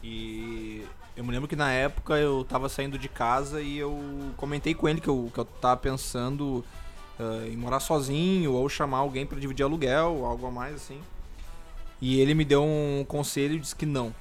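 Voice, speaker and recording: A young man chats on a podcast in a laid-back, storytelling way. His voice sits at an ordinary middle pitch, and he laughs easily. Faint music plays behind him. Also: fairly even intonation, normal speed. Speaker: podcast co-host. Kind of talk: casual chat.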